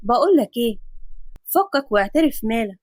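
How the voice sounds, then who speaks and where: A woman's voice: a little high, very animated, fairly quick, darkish tone, no echo, clean studio sound. A woman voicing a cheeky young Egyptian female student who complains dramatically. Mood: whiny. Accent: Egyptian Arabic. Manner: whiny, exaggerated complaining.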